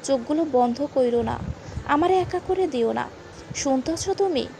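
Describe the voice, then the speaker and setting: A woman's voice: high voice, expressive, normal speed, gravelly, mellow, slight background noise. A woman voicing a desperate young wife who wails and pleads. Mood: frantic pleading. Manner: frantic, wailing and pleading.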